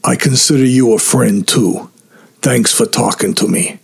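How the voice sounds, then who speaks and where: A man's voice: mid-range voice, measured pace, gravelly, slightly rough, heavily acted. A man voicing an anxious, earnest teen camper. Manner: urgent, earnest.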